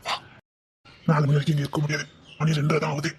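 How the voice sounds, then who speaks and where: A woman's voice: sits low, monotone, quick pace, darkish tone, a little hiss or hum, natural voice. A woman voicing an anguished married village man with a Tirunelveli Tamil accent, pleading and insistent, repeating short commands. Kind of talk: audio drama acting.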